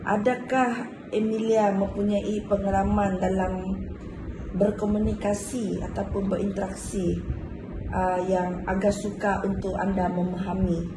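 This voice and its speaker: A woman's voice: medium pitch, flat delivery. Hesitant young Malaysian woman interviewing. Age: young adult. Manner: halting, many fillers and restarts, clarifies questions. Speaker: student interviewer. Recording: echoey room with loud background noise.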